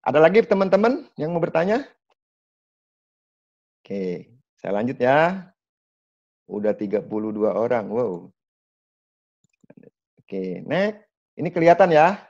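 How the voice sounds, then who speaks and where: A man running an online sales training from home, explaining in a lively, chatty way and talking straight to the participants. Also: medium pitch, slow pace, pauses often. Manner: lively, chatty, addresses participants as Bapak Ibu. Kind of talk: online training talk over video call. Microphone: video call. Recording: dull, dry video-call audio.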